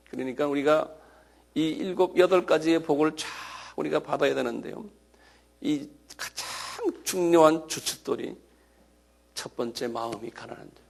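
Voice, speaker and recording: A man preaching a sermon as a pastor, animated, with sudden loud shouted cries, often checking the listeners with a quick question. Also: a little high, vocal fry.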